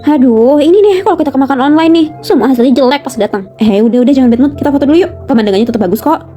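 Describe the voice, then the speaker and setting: Seorang perempuan mengisi suara untuk drama amatir berbasis gim animasi, berbicara cepat dan ramai. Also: female voice, high voice, very fast, warm tone, faint music behind. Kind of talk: amateur animated-game drama voicing.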